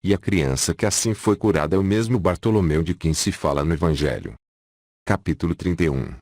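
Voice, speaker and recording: A man narrating an audiobook in a measured, solemn reading style. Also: low-pitched, lively intonation, darkish tone, no echo, studio quality. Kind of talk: scripted narration.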